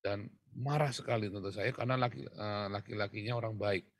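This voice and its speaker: A man, a pastor telling stories in a conversational sermon that swings from quiet asides to loud emphasis. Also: on the low side, steady tone, fairly quick, no echo.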